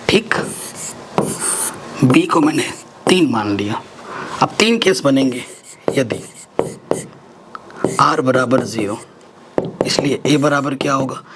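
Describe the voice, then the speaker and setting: Chatty male math teacher, noisy room. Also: medium pitch. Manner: talks students through each step, asking and answering himself. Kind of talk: whiteboard math lesson.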